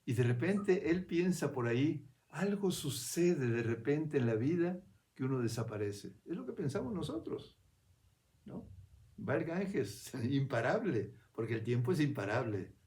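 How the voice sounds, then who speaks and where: A man giving a reflective spiritual talk in a conversational, unhurried way. He keeps checking in with his listener and restarts his phrases as he thinks aloud. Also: medium pitch, sing-song, darkish tone. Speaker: spiritual speaker.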